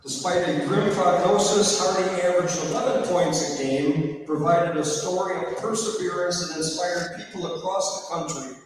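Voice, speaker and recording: Over a public address system in a large indoor school gymnasium, a man with a high-pitched voice makes formal award-ceremony announcements at normal speed with few pauses. The sound is distant and echoey, with faint noise.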